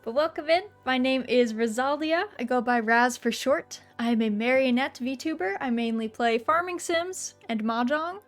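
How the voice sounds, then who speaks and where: A woman's voice: high voice, moderate pace, hardly any pauses. A woman livestreamer chatting casually in a cute, bubbly anime-streamer manner, chatty and giggly. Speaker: VTuber streamer, host. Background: music.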